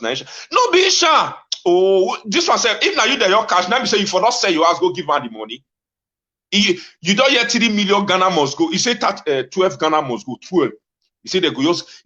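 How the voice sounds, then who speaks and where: On dull, lo-fi audio, a Nigerian-accented man who hosts a talk show launches into an impassioned Pidgin rant at his audience, exclaiming and repeating himself insistently. His pitch is a little high, with a bright, forceful tone.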